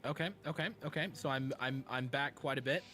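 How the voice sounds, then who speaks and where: A man's voice: mid-range voice, steady tone, brisk, bright, forceful tone, soft background music. A man chatting casually as a player in a tabletop game, hesitant and often repeating his phrases.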